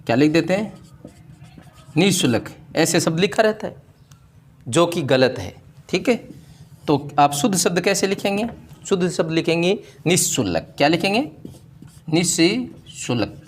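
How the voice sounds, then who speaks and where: Man, teacher, animated pitch, question-and-answer drilling, classroom lesson. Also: a little hiss or hum. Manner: asks rhetorical questions, answers them by repeating the word slowly. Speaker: Hindi teacher. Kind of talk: classroom-style spelling lesson.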